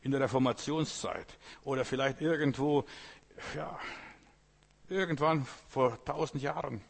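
A man's voice: medium pitch, a little slow, vocal fry, breathy edge. A male pastor delivering an emphatic sermon, repeating phrases and asking listeners rhetorical questions.

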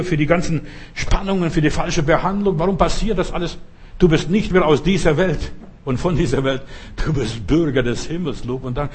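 A man's voice: on the high side, darkish tone, husky. A man preaching a sermon with fervent, exhorting, repetitive appeals.

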